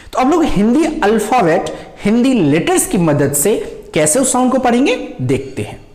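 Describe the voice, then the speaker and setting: A woman teaching English pronunciation sounds in a slow lesson, drawing out each sound she demonstrates. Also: medium pitch, darkish tone, roomy sound.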